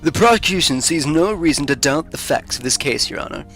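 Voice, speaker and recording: A man voicing a cool, confident male prosecutor in a video game, speaking crisply and formally. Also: fairly high pitch, lively intonation, a little fast, fairly bright tone, faint music behind. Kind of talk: fan voice-over of a video game.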